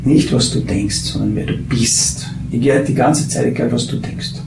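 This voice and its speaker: Brief: male spiritual teacher, gravelly voice, halting and rambling delivery, roomy echo, faint background hum. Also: mid-range voice. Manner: halting, searching for words, drifts from soft murmurs to animated bursts. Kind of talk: meandering spiritual talk. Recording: echoey room with faint ambience.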